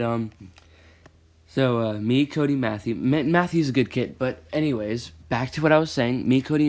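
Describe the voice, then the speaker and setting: A man's voice: medium pitch, vocal fry, darkish tone. Teen guy storyteller, casual vlog, rambling delivery, gets worked up. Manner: rambling, self-correcting, rising to agitated emphasis.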